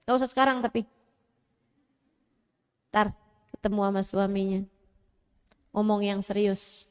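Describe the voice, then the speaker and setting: A woman preacher giving a sermon, talking to her audience in a lively, conversational way. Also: medium pitch, unhurried, clear, resonant tone, long reverb tail. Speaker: Islamic preacher.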